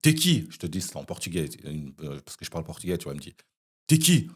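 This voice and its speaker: A young man, a podcast guest, telling an animated anecdote in casual chat, with frequent "you see" asides. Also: a bass voice, racing, husky.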